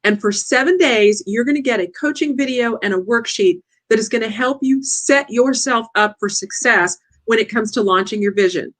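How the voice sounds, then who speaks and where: A woman hosting a lively coaching livestream, chatty and excitable, talking straight to her audience. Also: on the high side, moderate pace, hardly any pauses.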